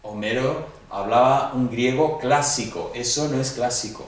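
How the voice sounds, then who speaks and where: A man's voice: medium pitch, unhurried. A man lectures a class in an easy, conversational way, speaking directly to his students. His voice carries through a very echoey classroom, and he stands some distance the microphone. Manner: conversational, addresses students directly, acts out quoted dialogue. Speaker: Greek teacher. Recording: echoey room, voice from off the mic.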